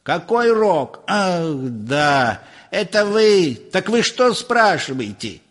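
A man's voice: a little high, expressive, measured pace, slightly rough. A man voicing an irritable, scornful older professor who snaps in exasperation in an audiobook. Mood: irritated. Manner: snapping, exasperated.

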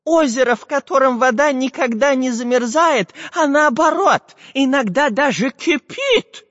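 A man voicing an excitable elderly male professor who talks in shrill, breathless bursts. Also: unhurried, no room sound, muffled recording, exaggerated voice. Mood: excited.

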